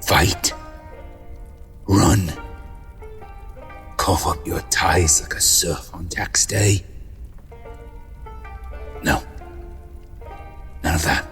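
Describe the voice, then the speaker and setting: An actor with a deep, exaggerated voice plays an embittered, hot-tempered human king in a full-cast fantasy audio drama, speaking very slowly with long pauses and a steady tone over faint background music. Bitter and brooding, the king commands and sometimes erupts into shouts.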